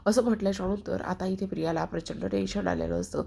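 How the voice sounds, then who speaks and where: A woman's voice: mid-range voice, big pitch swings, fast talker, creaky, dark tone, slight background noise. A woman narrating a TV serial recap in a casual storytelling way, voicing every character herself. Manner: retells scenes in a running present tense, voicing every character herself.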